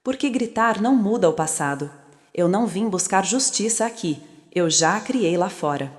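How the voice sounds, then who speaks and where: A woman voicing a composed young businesswoman who speaks calmly and with quiet, cutting resolve. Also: medium pitch, natural voice. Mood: cold calm. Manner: calm, measured, quietly cutting. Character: composed young woman returned as rich CEO, coldly calm. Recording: long reverb.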